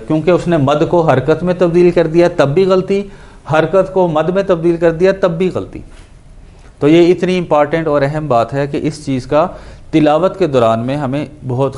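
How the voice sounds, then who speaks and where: This Quran and Arabic grammar teacher has a fairly high, slightly mellow male voice. In an explanatory lesson, he patiently drills grammar forms, repeating words as he goes through the verb forms and blending English words into his teaching.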